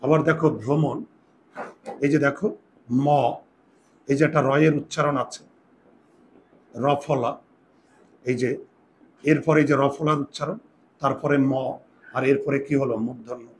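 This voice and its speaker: A man's voice: medium pitch, fairly even intonation, a little slow, pauses often, a little hiss or hum. A man teaching a Bengali grammar lesson, patiently repeating key points and asking and answering his own questions.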